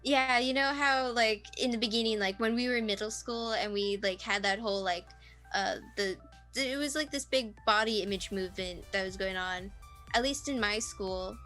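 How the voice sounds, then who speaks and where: A woman's voice: mid-range voice, moderate pace, bright, forceful tone, faint music behind. A nineteen-year-old woman interviewed over a video call, rambling casually with lots of fillers and self-deprecating asides.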